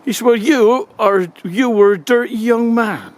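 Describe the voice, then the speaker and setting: A man's voice: very high voice, measured pace. An older man with a Wiltshire accent telling a humorous anecdote in a folksy, colloquial, casual way. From Wiltshire, England. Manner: folksy, chuckling, colloquial rural turns of phrase. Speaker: comic storyteller.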